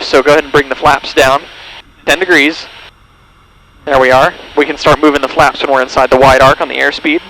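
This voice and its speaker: Creaky-voiced male pilot on cockpit radio. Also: a little high, pushed and bright. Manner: instructional, step-by-step cockpit commentary. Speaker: pilot demonstrating pattern work. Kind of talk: pilot over the radio, talking through each step of flying. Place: small plane cockpit in flight. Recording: noisy aircraft cockpit headset radio audio. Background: engine drone and radio noise.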